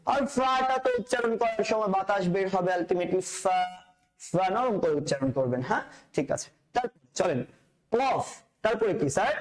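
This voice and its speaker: Lively high-voiced male teacher. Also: moderate pace, poor audio. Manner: drills letters by repeating them, addresses the learner as sir, playful asides. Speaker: Quran reading teacher. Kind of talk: recorded lesson on Arabic letter pronunciation.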